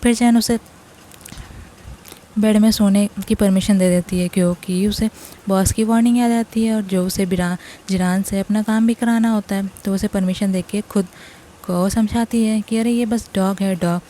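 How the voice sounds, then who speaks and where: A woman's voice: mid-range voice, steady tone, moderate pace, warm tone. A woman narrating a drama recap in a chatty way, retelling it scene by scene. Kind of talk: casual story recap.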